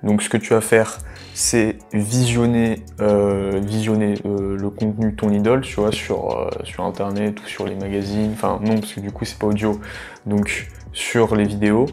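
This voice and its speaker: A man's voice: fairly low pitch, little pitch movement, normal speed, darkish tone, soft background music. A man in his late teens casually explaining things to the listener, rambling with many fillers and restarts. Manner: addresses the listener familiarly as "tu". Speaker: language tutor.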